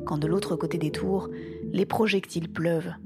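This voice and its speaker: An actress playing a composed, literary documentary narrator, reading scripted French narration. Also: female voice, fairly low pitch, steady tone, normal speed, music in the background, natural voice. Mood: grave.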